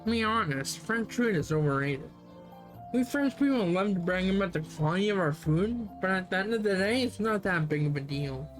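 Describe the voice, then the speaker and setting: Casual read-through of a shrugging young French guy, voiced by a streamer in their own voice; mid pitch, soft music underneath. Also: lively intonation, moderate pace, natural voice, poor audio. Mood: dismissive. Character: young French male exchange student, breezy.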